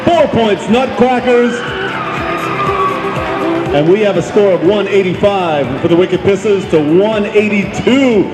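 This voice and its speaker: A man giving excited live play-by-play sports commentary, rallying the crowd as an announcer. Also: sits high, a little slow. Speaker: roller derby announcer. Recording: echoey venue, loud music and crowd.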